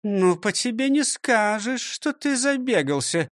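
A strict elderly schoolteacher scolds and barks out commands in a high, lively voice that leaps up and down, put on by a storybook reader. She drills her old pupil without mercy and keeps every word clipped and dry. The recording is close and dry. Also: measured pace, no room sound. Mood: stern. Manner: scolding, commanding, counts out exercises. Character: strict elderly woman schoolteacher, stern and bossy. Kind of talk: audiobook reading.

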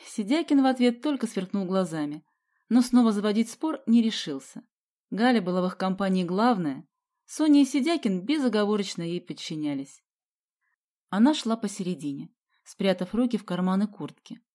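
A woman narrating a children's audiobook in an expressive storytelling manner. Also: medium pitch. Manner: expressive storytelling, slow headings. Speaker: audiobook reader.

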